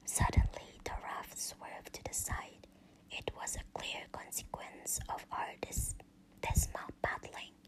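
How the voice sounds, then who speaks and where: A woman telling a first-person story in a slow, unvoiced whisper, in the style of a whispered storytelling recording. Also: low-quality recording.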